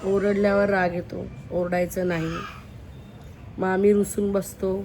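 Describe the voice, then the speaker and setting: A woman's voice: mid-range voice, flat delivery, measured pace, darkish tone, a little hiss or hum. A young woman filming a casual home vlog as a mother, talking straight to her viewers in a chatty way and asking them for advice. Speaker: mother and family vlogger. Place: at home, indoors.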